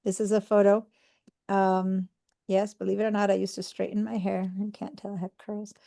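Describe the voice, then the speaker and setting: A woman from Argentina teaches an online computer class live, patiently walking students through each step, checking in with them, and using fillers as she explains. Her mid-range voice is warm and creaky, with little pitch movement, at a normal speed.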